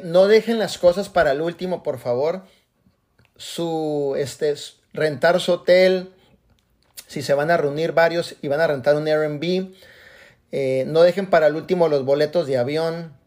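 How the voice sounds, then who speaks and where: A man in his forties giving an animated motivational talk to his team over a video call, blessing his listeners. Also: high-pitched. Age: 40s. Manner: animated, acts out quoted voices, blesses listeners. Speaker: motivational business speaker.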